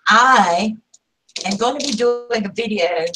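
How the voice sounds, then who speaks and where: A woman's voice: a little high, slow, rough recording. A woman, chatting casually on a craft vlog and reading out viewer comments. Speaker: craft vlogger. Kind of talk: casual live chat.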